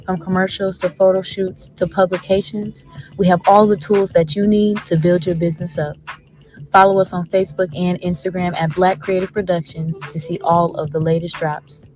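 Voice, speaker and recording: A woman reading a scripted promotional ad in a smooth, salesy voice. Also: on the low side, level tone, normal speed, poor audio. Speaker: ad voice-over. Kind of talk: scripted ad read. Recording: voice-over with loud music bed. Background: music.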